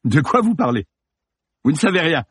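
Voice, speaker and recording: A man puts on a vain, easily rattled male film star in an audiobook. The voice sits well above the reader's own, loud and shrill, swinging wildly between scorn and panic. A husky edge and a dry, close sound. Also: big pitch swings, moderate pace, no room sound. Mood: panicked. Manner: shrill, blustering then pleading. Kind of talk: audiobook character voice.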